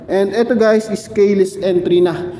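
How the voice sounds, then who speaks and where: A chatty car salesman with a high, mellow voice talks viewers through a vehicle in a showroom. His words ring out with a long reverb off the hard walls, and he keeps tagging his sentences with little questioning asides. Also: steady tone, measured pace, slight background noise.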